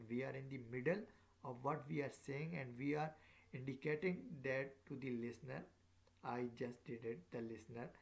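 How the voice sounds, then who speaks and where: A man teaching English intonation in a recorded lecture, speaking haltingly with many fillers and repeated words. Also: medium pitch, vocal fry.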